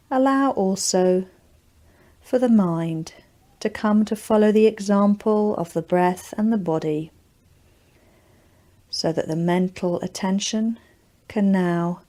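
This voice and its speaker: A woman with a mid-range voice guides a yoga nidra relaxation, giving gentle, deliberate instructions in short, spaced phrases.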